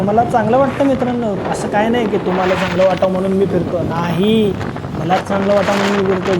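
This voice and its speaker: High-voiced joking young male vlogger. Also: very noisy. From Solapur, Maharashtra. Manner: rambling, joking, addresses viewers as friends. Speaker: travel vlogger. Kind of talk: casual travel vlog voice-over.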